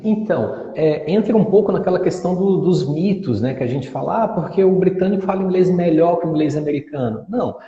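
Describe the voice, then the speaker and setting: A man, an English teacher speaking in an interview. He explains patiently and models pronunciations with examples, in a soft, mellow voice pitched a little high. The audio is dull and echoey, with a long room reverb. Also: expressive, fairly quick, hardly any pauses.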